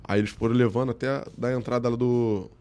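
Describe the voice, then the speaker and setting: Here the Rio-accented guest, a comedian who also works as a celebrity look-alike, keeps up a quick pace in a medium-pitched voice. He chats casually in Brazilian Portuguese-accented speech, spinning slangy, lively anecdotes for the interviewer.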